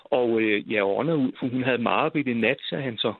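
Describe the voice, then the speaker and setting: A personal story told casually by an older man wanders along, peppered with hesitations and words said twice. He speaks at a medium pitch over a tinny phone line, and there's no echo.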